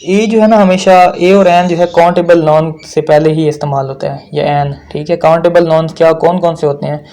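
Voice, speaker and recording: A man delivers a recorded grammar lecture, mixing English phrases into his explanations. His voice is warm and mellow, pitched a little high for a man. He repeats key words and keeps checking in with the listener. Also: fairly even intonation. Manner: explains slowly, repeats words and checks with frequent "theek hai"; mixes Hindi-Urdu with English phrases. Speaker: grammar teacher.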